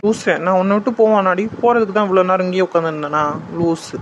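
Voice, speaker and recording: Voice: mid-range voice, fast, dull audio, a little hiss or hum, close to an everyday voice. A voice actor playing an affectionate young man who fondly teases and scolds his sweetheart in a cartoon story. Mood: teasing. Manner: teasing, calls her silly fondly. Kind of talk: cartoon voice acting.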